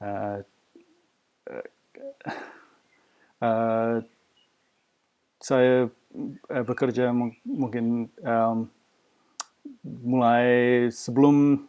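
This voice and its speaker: An Australian language teacher, a native English speaker, gives an unscripted interview-style answer about being a foreigner, speaking Indonesian with an Australian accent. His medium-pitched voice is steady, dark, clear and resonant, though the audio is dull. He draws out words, pauses often and hesitates while searching for words.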